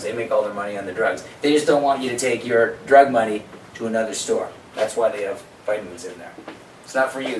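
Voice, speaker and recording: A man presenting an informal health seminar in a conversational, opinionated way, with rhetorical questions and quoted asides. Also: fairly low pitch. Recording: echoey room, distant mic, background noise.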